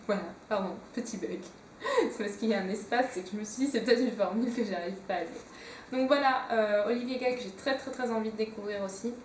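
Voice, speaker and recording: A young Frenchwoman with a high voice chats about her books, hesitating often and filling gaps with little fillers. She sits a bit away from the mic in an echoey room, with faint ambient hiss behind her. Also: fairly quick, recorded from a distance. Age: young adult. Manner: chatty, hesitant with many fillers. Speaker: book vlogger. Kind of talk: casual chat.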